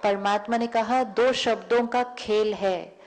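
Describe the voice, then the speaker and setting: A woman's voice: mid-range voice, fairly even intonation, slow pace, darkish tone. A woman giving a public spiritual lecture, telling everyday stories and acting out both sides of the dialogue, often repeating key words. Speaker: spiritual teacher. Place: lecture hall before an audience.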